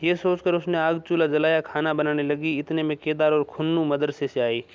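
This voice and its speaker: A man reading a classic short story aloud in a measured storytelling manner. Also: fairly high pitch, flat delivery, clean tone. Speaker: story reader. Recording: dull lo-fi recording.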